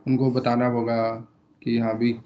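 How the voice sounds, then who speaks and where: Flat-voiced male student, muffled. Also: medium pitch, normal speed, a little hiss or hum. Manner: lists points in short fragments. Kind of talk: answering in class.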